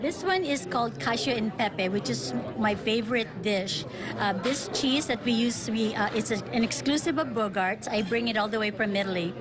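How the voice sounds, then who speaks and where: A woman's voice: on the high side, moderate pace. Woman, cafe owner, friendly, many fillers, handheld mic in a cafe, music behind. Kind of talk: casual interview. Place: indoor cafe. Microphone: reporter's handheld mic.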